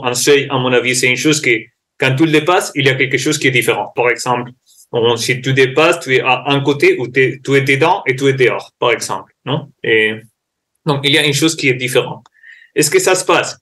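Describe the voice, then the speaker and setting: A man's voice: mid-range voice, a bit bright. A Spanish man speaking French with a Spanish accent, a sport science researcher who searches for words as a guest in an interview. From Spain.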